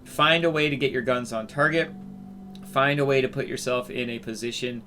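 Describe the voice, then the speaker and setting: A man's voice: medium pitch, fairly even intonation, moderate pace, bright, forceful tone, slight background noise. A man hosting a flight-game video, giving casual, rambling commentary full of fillers and restarts. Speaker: gaming video host.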